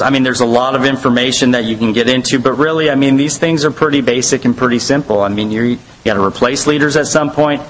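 A man's voice: mid-range voice, a bit bright, low-quality recording. A man teaching a church Bible study in a conversational, rambling way, full of fillers and asides.

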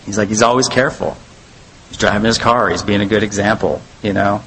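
A man's voice: lowish voice, steady tone, fairly quick, fairly bright tone, a little hiss or hum, poor audio. A man teaching a church Bible study in a conversational, rambling way, full of fillers and asides.

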